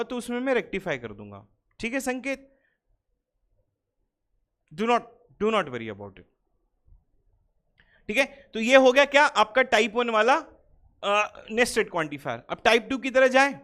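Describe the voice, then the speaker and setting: High-voiced man teaching online. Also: sing-song, unhurried, pauses often, fairly bright tone. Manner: teasing, chatty, reacts to student comments. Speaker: online exam-prep teacher. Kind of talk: live online class, Hindi-English mix.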